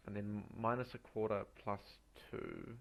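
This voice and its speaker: A man working through exam problems aloud as a tutor, halting and muttering through each step in an informal way. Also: fairly low pitch, wildly swooping pitch, gravelly. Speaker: maths tutor. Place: voice-over on a screen recording.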